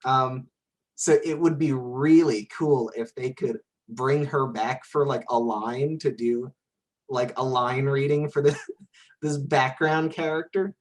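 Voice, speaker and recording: Male co-host with a mid-range voice, halting and filler-heavy. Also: mid-range voice, steady tone. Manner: hesitant, full of "uh" and "like". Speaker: podcast co-host. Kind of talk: casual podcast chat.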